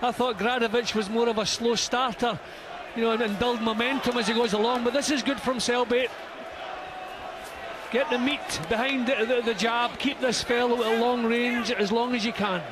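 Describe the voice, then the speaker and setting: A man's voice: extremely high pitch, fairly even intonation, moderate pace. A man giving analytical live boxing commentary from ringside as a co-commentator. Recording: crowd and arena noise behind.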